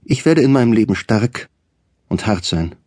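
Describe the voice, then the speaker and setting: A grieving, stubborn teenage boy, as a male narrator reads him, earnest and defiant. The voice stays low and warm, with a dry, close sound. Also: expressive, moderate pace, husky, dry recording. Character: sixteen-year-old boy, grieving and stubborn. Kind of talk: audiobook character reading.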